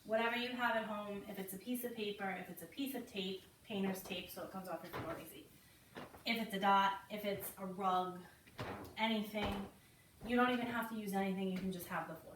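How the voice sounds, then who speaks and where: A woman teaching a children's ballet class, slowly naming and counting the steps as she demonstrates them. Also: mid-range voice. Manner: slow, encouraging, counts and names steps while demonstrating. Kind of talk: online kids' ballet class instruction. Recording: roomy, from a distance, faint noise.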